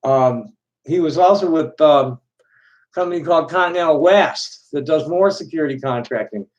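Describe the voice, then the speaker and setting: A man with a slightly high-pitched voice hosts a loose online discussion. He talks in a casual, rambling way, blunt and sweary, often halting as he searches for words. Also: muffled recording.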